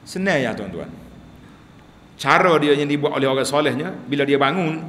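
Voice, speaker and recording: A man's voice: a little high, animated, moderate pace, fairly bright tone, big-room sound, slight background noise. A man giving a sermon lecture, telling humorous stories and acting out quotes. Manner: humorous storytelling, acts out quotes. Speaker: religious teacher.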